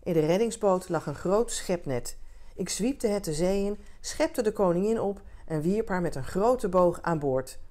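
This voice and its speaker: Een vrouw die een verhaal voor volwassenen rustig en zacht voorleest als bedverhaal. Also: female voice, on the low side, animated. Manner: gentle, unhurried storytelling. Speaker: reader of stories for adults. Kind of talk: calm bedtime reading.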